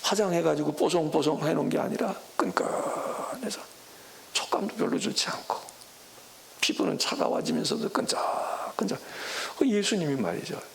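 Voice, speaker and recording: A middle-aged male pastor preaching a sermon who acts out biblical voices, switching between loud exclamations and hushed whispers. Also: high-pitched, lively intonation, moderate pace, creaky, a little hiss or hum. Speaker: senior pastor. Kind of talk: expository sermon.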